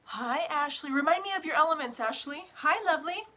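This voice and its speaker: A woman's voice: high-pitched, animated, a little fast, sharp tone. A woman hosting a livestream as a coach, chatting to viewers in an effusive, theatrical, bubbly way. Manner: effusive, theatrical, bubbly greetings with whoops and pet names; casual swearing, checks in with "right?" and "okay?". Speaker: online group host and business coach.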